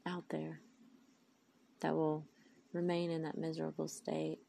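A tired, tearful woman speaks in a low, gravelly voice, rambling and emphatic as she encourages her listeners. Her tone stays flat and mellow, with faint noise underneath. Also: unhurried. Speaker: faith vlogger. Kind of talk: inspirational monologue.

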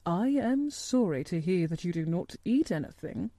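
A woman voicing a worried male doctor in a storybook, with a formal, measured and grave manner. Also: fairly low pitch, expressive, dark tone, no room sound. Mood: grave concern.

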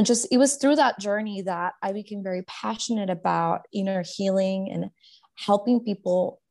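A woman's voice: mid-range voice, gravelly, darkish tone. A woman in her thirties from Guatemala, a life coach talking earnestly and reflectively in a casual faith-based interview, with many fillers and restarts. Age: 30s.

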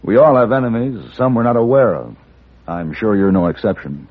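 Actor as Paladin, a deep-voiced, commanding gunfighter. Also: male voice, lightly acted. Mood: cool, firm. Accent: American. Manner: measured, self-assured, formal. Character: cool, commanding male hired gun of the Old West. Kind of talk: old radio western acting and narration. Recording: dull old radio recording.

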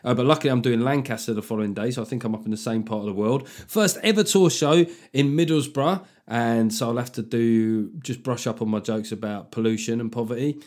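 A man's voice: mid-range voice, a little fast, few pauses, darkish tone. A man hosting a podcast, a stand-up comedian chatting casually with sardonic, sweary jokes. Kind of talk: casual chat.

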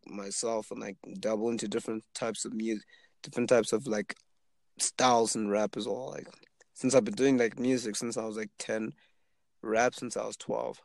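This Zimbabwean man in his twenties chats about his ambition to become a rapper, meandering loosely with plenty of fillers. His pitch sits fairly low and his voice is creaky, at a normal pace, with no room sound in the recording.

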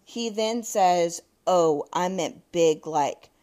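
Speaking slowly in a lowish voice, this podcast co-host in her thirties recounts a story during a loose conversation. She gets animated, swears plenty, and reads out quoted text messages.

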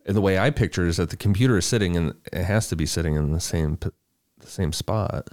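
A man's voice: deep voice, quick pace, darkish tone, dry recording, studio quality. A man co-hosting a podcast, retelling a story in a laid-back, crude, casual way. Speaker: podcast co-host telling the story.

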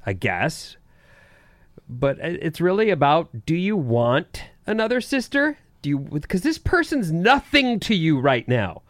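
A man in casual chat, talking through advice in a relaxed way with pauses. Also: a little high, dry recording.

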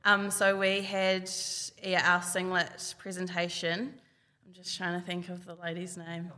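Chatty New Zealand woman, bright voice. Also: on the low side, monotone, measured pace. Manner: chatty, full of "like" and reported speech. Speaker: guest, hockey player. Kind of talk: casual storytelling. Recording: long reverb.

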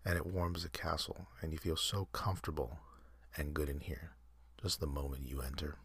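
Very deep husky whispering man. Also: fairly even intonation, dry recording. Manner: soft, halting, many fillers. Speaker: ASMR host. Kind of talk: whispered guided meditation.

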